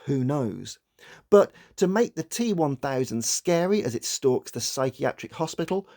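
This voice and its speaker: A man hosting a psychology channel, giving scripted video-essay narration in a measured, explanatory way. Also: mid-range voice, a little mellow.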